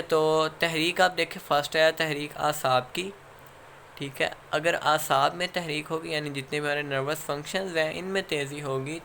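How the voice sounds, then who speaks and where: A man's voice: a little high, pushed and bright, a little hiss or hum. A man with a Pakistani accent giving a recorded lecture, explaining step by step and checking in with "okay" again and again. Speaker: instructor.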